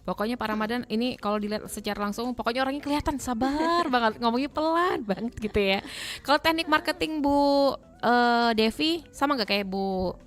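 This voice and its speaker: A woman's voice: on the high side, brisk. A young woman hosting a casual radio talk show interview, chatty, often tagging her questions and murmuring agreement. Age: young adult. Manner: chatty, frequent tag questions and affirming murmurs. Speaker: radio host.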